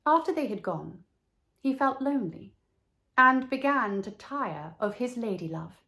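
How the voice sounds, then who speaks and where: A woman narrating a children's story from a script, with measured, deliberate phrasing. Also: on the high side, expressive, bright, forceful tone. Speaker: storybook reader.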